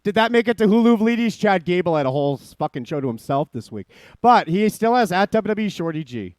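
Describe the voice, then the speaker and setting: Man, high voice, lively swooping pitch, dry close sound, profane rambling stream host. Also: fairly quick, no echo. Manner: profane, rambling, addresses chat as ladies. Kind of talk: casual live-stream commentary.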